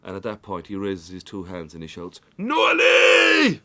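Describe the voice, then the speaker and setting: A man's voice: deep voice, fairly even intonation, a little fast. A man recalling stadium anecdotes in a wry, storytelling manner. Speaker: interviewee. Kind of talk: reminiscing storytelling.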